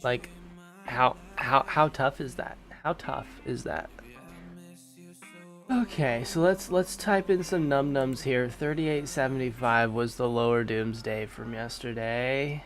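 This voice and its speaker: With faint music behind him, a young man running a live stream talks slowly in a mid-range, fairly bright voice. He's congested and nasal from allergies, and his chat is relaxed and full of slang.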